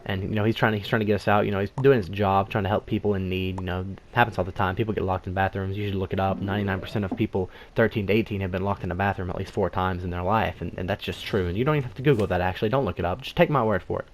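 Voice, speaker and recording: A man narrates a storytime video at a rapid clip, his voice sitting a bit low. He rambles with lots of asides and "you know" fillers and throws in dry jokes as he goes. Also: steady tone, a little hiss or hum.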